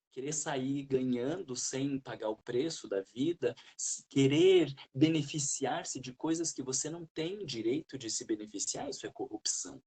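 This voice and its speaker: A man's voice: on the high side, a little mellow, husky. A man leading a spiritual study group, talking in an earnest, reflective way and putting questions to the group.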